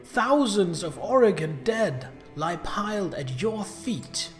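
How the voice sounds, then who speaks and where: A man's voice: sits high, sing-song, takes it slowly, voice pushed up, exaggerated voice. Guy playing a resolute game noblewoman, earnest and stern, music behind. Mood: accusing. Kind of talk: reading video game dialogue aloud.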